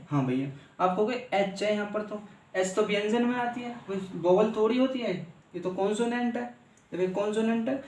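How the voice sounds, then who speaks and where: A man teaching a grammar lesson, asking questions and answering them himself, repeating key words slowly. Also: high voice, darkish tone, distant mic. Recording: echoey room.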